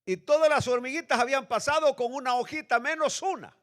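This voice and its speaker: A male pastor preaching a sermon with dramatic swings between loud, high bursts and low, hushed lines. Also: fairly quick. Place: church sanctuary. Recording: long reverb of a church hall.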